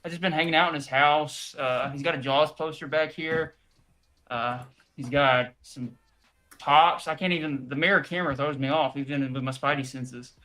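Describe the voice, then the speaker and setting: A man's voice: fairly high pitch, steady tone, moderate pace, sharp tone. A man playing a jokey, weary young male superhero in character, out of breath and rambling over a video call. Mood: joking.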